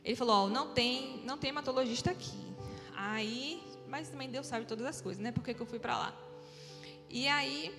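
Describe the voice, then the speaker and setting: A woman shares her testimony before a church, lively in the telling and playing out each exchange. Her voice sits a little high, and it carries through a long hall reverb with faint music underneath. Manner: storytelling, animated, acts out her own dialogue. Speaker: church member giving testimony.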